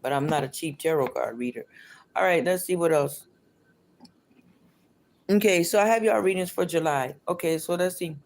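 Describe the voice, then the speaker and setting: A woman's voice: low-pitched, normal speed, vocal fry, pauses often, a little mellow. A middle-aged or older woman with toothless, slightly slushy articulation, chatting casually as she reads tarot on a livestream and repeating her phrases. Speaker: tarot card reader.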